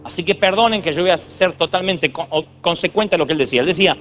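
Argentine guy in his 30s preaching, jokey rambly stories, high voice. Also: fast talker, a bit bright, soft background music. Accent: Argentine Spanish. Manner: storytelling, digressive, jokey. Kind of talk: humorous sermon.

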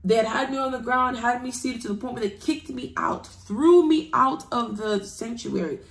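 Woman, earnest testimony, preaching emphasis, gravelly edge, roomy echo. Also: fairly high pitch, normal speed. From United Kingdom. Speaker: testimony guest. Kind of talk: personal testimony.

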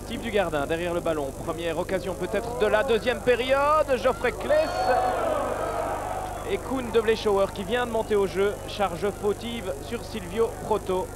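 A man giving excited football commentary as a match commentator, his voice surging with the play. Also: high-pitched, normal speed, over music. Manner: voice surges on chances and goals.

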